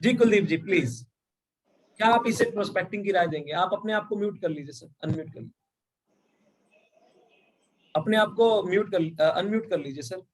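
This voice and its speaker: A man with a high-pitched voice leads an online sales training over a video call. He breaks points into numbered steps and keeps checking that his listeners follow. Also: normal speed, pauses often, slightly rough, low-quality recording. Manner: explains step by step, mixes English into Hindi, asks "right or wrong?". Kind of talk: live online training session.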